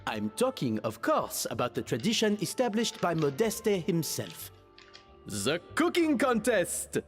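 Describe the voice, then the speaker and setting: A courtly gentleman with a thick French accent who speaks with theatrical flair. His pitch swings widely as he talks. The sound carries a long reverb over faint game music. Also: wildly swooping pitch, a little slow, heavily acted. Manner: flamboyant, theatrical. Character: courtly male French-accented restaurant patron.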